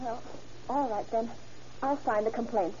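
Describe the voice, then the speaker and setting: An actress playing a respectable, worried American housewife in an old radio drama, earnest and expressive. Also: female voice, fairly high pitch, unhurried, natural voice. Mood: reluctant. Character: respectable, anxious American housewife burgled by sailors. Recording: muffled, noisy old radio recording.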